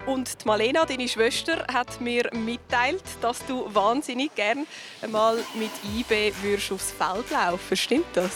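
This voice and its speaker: Over music, a woman with a fairly high voice and a Swiss German accent speaks at a measured pace. She hosts a children's surprise show, presenting and interviewing kids in a chatty way.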